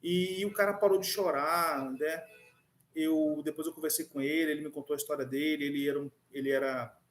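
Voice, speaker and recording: This online class lecture comes from a man whose voice is on the high side, steady in tone and fairly quick. He speaks conversationally, with plenty of fillers and restarts, and tells a personal story along the way.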